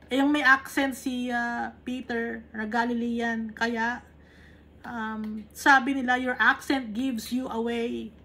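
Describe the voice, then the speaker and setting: Filipino woman with a higher voice teaching Bible study. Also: fairly bright tone. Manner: reads English verses, then explains them conversationally in Tagalog with tag questions.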